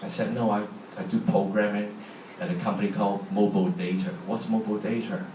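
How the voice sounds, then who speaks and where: This middle-aged man, who has a Hong Kong accent, gives a chatty talk in a large hall and throws questions to the audience. His voice is fairly low and dark in tone, delivered flatly and a little fast, with slight background noise. The recording is distant and echoey, with faint ambience.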